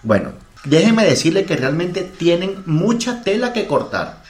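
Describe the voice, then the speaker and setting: A middle-aged Venezuelan man co-hosting a casual podcast, with a somewhat high and very animated voice. He reacts with quick teasing quips. The room around him rings with echo. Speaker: podcast co-host. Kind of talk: casual chat. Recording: echoey room.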